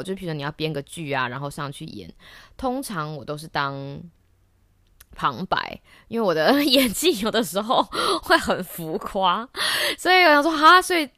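A woman chats through a story on her podcast, her voice sitting low but leaping widely up and down as she gets excited. She laughs often and drops into English now and then. The sound is close and dry, with no room echo. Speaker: podcast host. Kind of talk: casual storytelling monologue. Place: office during lunch break.

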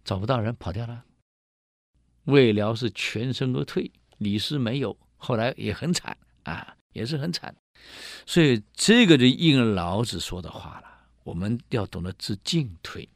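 A male lecturer and host telling history stories in an animated way, acting out the dialogue and exclaiming. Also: mid-range voice, moderate pace, no echo, studio quality.

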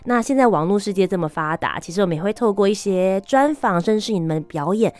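A woman's voice: mid-range voice, expressive, fast, a little mellow, no room sound. A woman hosting a show and interviewing a guest in a presenter's style. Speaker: host.

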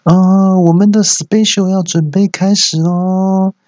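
A coquettish young hostess drawls her announcements, played by a man. The voice is high and gravelly, with a dull sound. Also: steady tone, slow, darkish tone, no room sound.

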